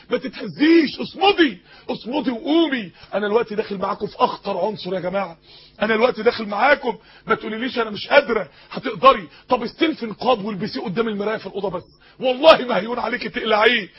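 Man, Egyptian accent, sermon, fast impassioned pleading, repeats words, muffled recording. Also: extremely high pitch. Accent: Egyptian Arabic. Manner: impassioned, pleading, addressing young women directly. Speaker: preacher.

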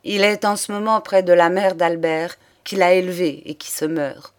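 A woman's voice: on the low side, steady tone, moderate pace, natural voice. Woman reading as an old aristocratic count, fatherly. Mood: reassuring. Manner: earnest, paternal, exclamatory. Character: elderly aristocratic count, grieving, energetic father.

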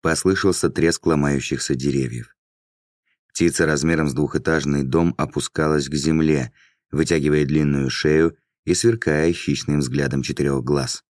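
Very deep-voiced man narrating fantasy. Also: darkish tone, no echo, studio quality. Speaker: audiobook narrator.

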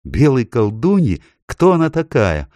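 A man's voice: mid-range voice, wildly swooping pitch, unhurried, a little mellow, dry recording, voice pushed up. Man doing an anxious, earnest little girl. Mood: pleading. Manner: pleading, urgent questions.

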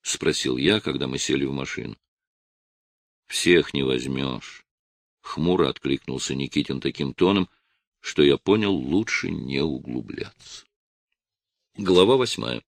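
Male audiobook narrator, deep and gravelly, lively reading, dry close sound. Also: moderate pace, no echo. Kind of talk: first-person audiobook narration.

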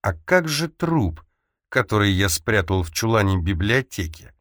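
Man voicing furious young man, icy tone, very deep voice, dry sound. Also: big pitch swings, unhurried, a bit bright, no room sound. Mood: icy fury. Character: angry young man, cold and accusing.

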